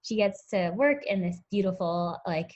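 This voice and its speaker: On muffled lo-fi audio, a Connecticut woman in her twenties, a tech startup founder, chats through an interview with lots of "ums" and "likes." She has an expressive, mid-range, slightly mellow voice and speaks at a moderate pace.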